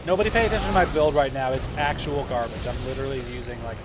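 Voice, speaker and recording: A man's voice: mid-range voice, very fast, background noise. A man hosting a gaming livestream, chatting casually and rambling as he answers viewers' questions.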